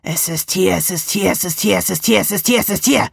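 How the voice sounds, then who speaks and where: A woman's voice: deep voice, big pitch swings, takes it slowly, breathy edge, dry recording, clean studio sound, exaggerated voice. A woman voicing a sinister, tormented spirit that hisses and chants its words over and over, in an audiobook reading. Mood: hissing menace. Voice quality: hissing. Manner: chanting, repetitive. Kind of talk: audiobook narration.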